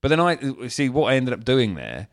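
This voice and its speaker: A man co-hosting a casual chat podcast, telling animated stories and acting out exchanges with his toddler. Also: mid-range voice, normal speed. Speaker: podcast co-host.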